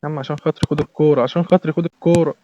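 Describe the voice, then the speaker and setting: A young man with an Egyptian Arabic accent giving excitable live commentary while playing a football game, shouting at the players. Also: a little high, very fast, highs cut off. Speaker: gaming YouTuber. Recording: clear background noise.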